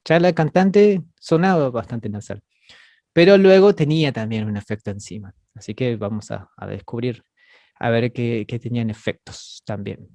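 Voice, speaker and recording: A man's voice: mid-range voice, normal speed, darkish tone, dry recording. Man teaching over a video call. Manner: patient, explanatory, repeats words as he goes. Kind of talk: online class lecture.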